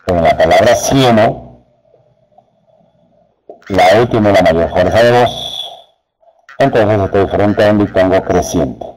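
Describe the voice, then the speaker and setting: A man teaching a spelling lesson to teachers, explaining slowly and speaking to them directly. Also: low-pitched, darkish tone, low-quality recording. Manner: slow, deliberate, addresses teachers directly. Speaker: teacher trainer.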